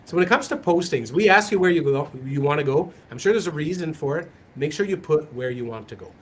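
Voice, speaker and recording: A man's voice: on the high side, expressive, quick pace, a little hiss or hum. A man hosting a recruiting Q&A as a police recruiter, talking in a direct, upbeat, conversational way. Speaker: police recruiter, session host. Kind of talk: live Q&A session talk.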